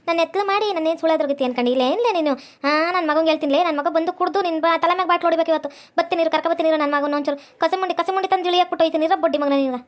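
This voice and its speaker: Cartoon old village woman, angry and scolding, North Karnataka accent, very high and fast. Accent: North Karnataka Kannada. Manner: scolding, cursing loudly. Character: old village woman, furious, threatening with a broom. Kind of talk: cartoon voice acting.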